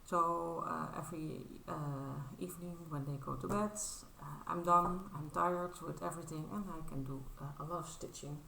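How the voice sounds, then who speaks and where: A native Dutch speaker in her thirties from the Netherlands vlogs about crafting in casual English, with a deep, steady, gravelly voice that's pushed and bright at normal speed, barely pausing. Still hesitant, she uses fillers and restarts, modest and apologetic. The reverberant audio is poor, with slight background noise.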